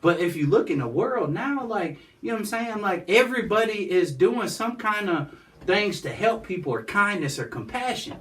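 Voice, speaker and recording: With lively intonation, a moderate pace and a fairly bright, high-pitched voice, a man who founded a nonprofit rambles as a guest in a laid-back interview. He repeats "you know what I'm saying" constantly, and the mic sits some distance away.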